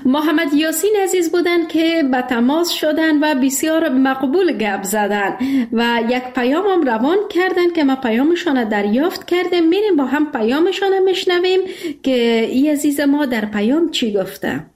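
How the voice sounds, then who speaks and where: A woman's voice: high-pitched, expressive, darkish tone, roomy sound. A woman hosting a call-in radio show, chatting in a friendly way with callers and laughing often. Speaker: radio host.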